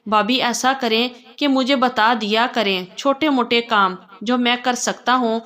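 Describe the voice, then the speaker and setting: A playful young blind man, clingy and earnest, talks in a soft, pleading way in a spoken story, as a woman narrator reads his lines. His voice sits on the high side. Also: steady tone, close to an everyday voice.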